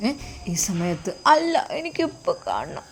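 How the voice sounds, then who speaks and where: A woman's voice: fairly low pitch, wildly swooping pitch, a little slow, darkish tone, husky, full character voice. A woman voicing a small girl who pleads tearfully to see her father. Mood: pleading.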